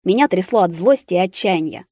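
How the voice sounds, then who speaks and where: Female audiobook narrator, low, calm reading, dry close sound. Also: a little fast, no room sound. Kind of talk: scripted narration.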